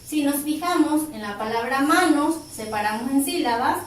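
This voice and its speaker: A woman teaching a grammar lesson, slowly and emphatically, stretching out key words. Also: sits high, roomy sound, far from the mic, a little hiss or hum, rough recording. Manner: slow, emphatic, drawing out words.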